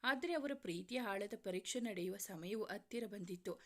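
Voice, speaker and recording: Woman storyteller, romance serial narration, calm, mid-pitched. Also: moderate pace.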